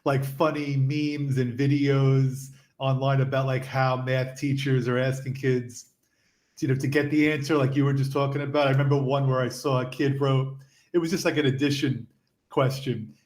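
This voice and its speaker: A man co-hosting a podcast, asking long, rambling questions in a relaxed, casual way. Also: medium pitch, moderate pace. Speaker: co-host. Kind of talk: casual interview chat.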